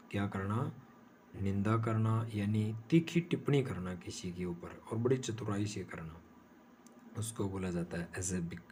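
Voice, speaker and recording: A man's voice: fairly low pitch, mellow, slight background noise. A man teaching English vocabulary in Hindi, explaining patiently and repeating each word and example.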